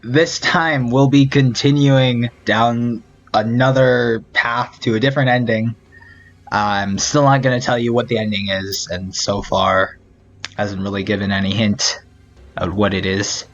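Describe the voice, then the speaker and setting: A man's voice: medium pitch, steady tone, unhurried. A young man hosting a let's play of a visual novel, rambling, giggling and correcting himself as he reads. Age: young adult. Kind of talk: casual game commentary. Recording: dull lo-fi audio with faint music.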